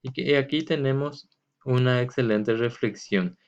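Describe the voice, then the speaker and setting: A man teaching a language lesson, patiently explaining and drawing words out slowly to show which syllable is stressed. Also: medium pitch. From Paraguay. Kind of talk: recorded classroom lesson explanation. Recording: dull lo-fi recording.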